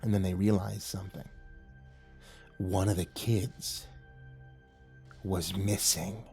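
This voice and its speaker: A man voicing a cold, sinister camp counselor telling an ominous creepy tale in a hushed, slow manner. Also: deep voice, steady tone, creaky, faint music behind, voice pushed down, exaggerated voice.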